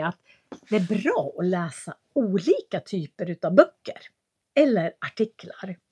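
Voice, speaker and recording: Clearly articulating Swedish teacher, woman. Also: medium pitch. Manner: clear, carefully articulated speech; patient, explanatory. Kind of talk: live language lesson answering chat.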